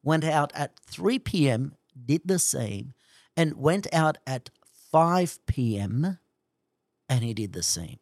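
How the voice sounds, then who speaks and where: A man preaching a sermon in an animated way, putting rhetorical questions to his listeners. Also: takes it slowly, no echo, studio quality. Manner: animated, swings pitch widely for emphasis.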